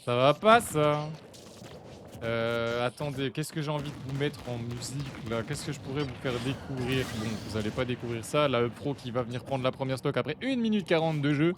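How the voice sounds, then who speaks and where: A young man chatting casually on his live stream, excitable and talking to his chat while watching matches. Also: medium pitch, fairly quick, hardly any pauses, noisy background.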